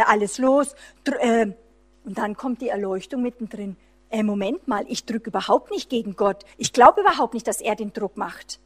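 Fervent high-voiced woman preaching. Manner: fervent, swings between loud emphasis and hushed low lines; frequent restarts and fillers while preaching freely. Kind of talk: charismatic sermon.

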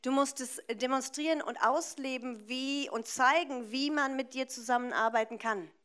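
A woman's voice: sits high, moderate pace, fairly bright tone. A woman interpreting a preacher live, phrase by phrase, in a consecutive style.

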